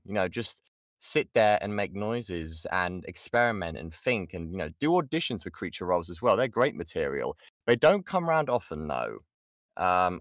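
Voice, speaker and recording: A British voice actor runs an informal online workshop over voice chat from indoors, taking audience questions and chatting along, interrupting himself and repeating points to stress them. His voice is fairly low with a fairly bright tone, recorded dry and close.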